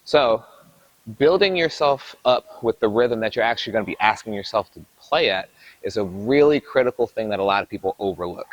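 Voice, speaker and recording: A man with a fairly low voice coaches tennis players, explaining each drill with energy as he demonstrates. The sound is dry and close. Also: expressive, a little fast, no echo, muffled recording. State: a little out of breath. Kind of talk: instructional coaching talk. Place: outdoor tennis court.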